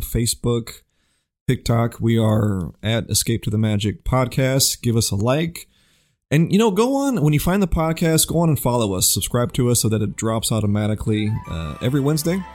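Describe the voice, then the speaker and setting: A man co-hosting a podcast in relaxed casual chat, also reading out the show plugs. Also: medium pitch, normal speed. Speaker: podcast co-host.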